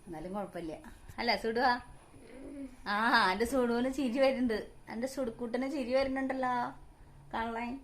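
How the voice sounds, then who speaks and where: A woman's voice: fairly high pitch, moderate pace, pauses often. Woman coaxing her child in sing-song tones. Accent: Kerala Malayalam. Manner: sing-song coaxing baby talk to her son, then calm explaining to viewers. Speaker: mother of the vlog's child. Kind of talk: casual home vlog talk with her child.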